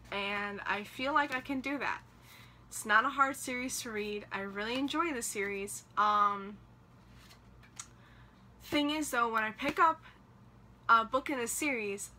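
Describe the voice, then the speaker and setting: Recorded in a small room beside her bookshelves, a young woman talks to camera about what she plans to read, rambling casually and using many fillers. This book vlogger has a slightly high, sharp-toned voice, and there's a little hiss or hum.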